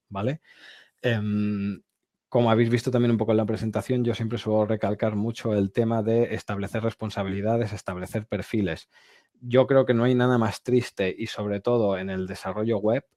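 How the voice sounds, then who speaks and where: A man in his thirties from Barcelona, Spain, talks as a guest speaker on a video call from his indoor home office, explaining things casually and chatting while laughing easily. His fairly low, slightly mellow voice comes through an earbud headset with studio-quality clarity and no room sound.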